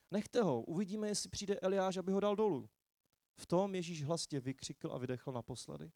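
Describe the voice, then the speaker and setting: A man reads a Bible passage aloud during a sermon, in a slightly higher voice for a man. He takes it at a measured pace and lifts his voice for the quoted lines. The sound is dry and close, with little room echo. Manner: measured, expressive reading with quoted lines lifted. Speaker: preacher. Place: church hall.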